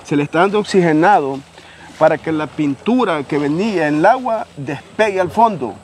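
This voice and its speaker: A middle-aged man with a Salvadoran accent, plainly and haltingly explaining work as a guide, recorded outdoors. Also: fairly high pitch, animated. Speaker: guide, indigo farm worker. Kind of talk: informal explanation in an interview. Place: outdoors on a rural hacienda. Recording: outdoor recording with faint background noise.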